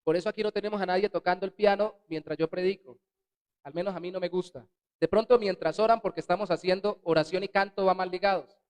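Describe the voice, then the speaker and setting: A man preaching a sermon as pastor in a church, swinging between loud bursts and soft, dropped words. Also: high-pitched, steady tone, fast, clear, resonant tone. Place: church sanctuary.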